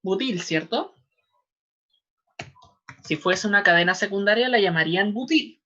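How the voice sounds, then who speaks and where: A woman with a Chilean accent teaching a chemistry class online, patient and repeating terms slowly for her students. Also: mid-range voice, animated, sharp tone. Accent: Chilean Spanish. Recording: slightly dull lo-fi online class audio.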